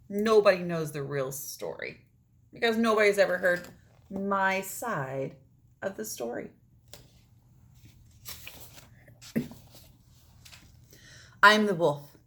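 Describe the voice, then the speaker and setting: A woman's voice: mid-range voice, sharp tone, voice pushed down, exaggerated voice. A woman reading a storybook aloud in the role of a chatty, aggrieved male wolf telling his side with theatrical emphasis. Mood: confiding, aggrieved. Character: chatty, self-justifying male wolf, wronged storybook narrator. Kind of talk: storybook read-aloud, first-person narration.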